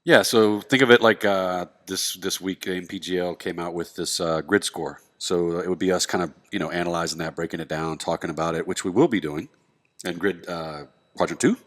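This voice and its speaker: A man's voice: low voice, brisk, fairly bright tone. A man co-hosting a casual podcast with a stuffy nose, talking in a laid-back way with many fillers. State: stuffy nose after nose surgery. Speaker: podcast co-host.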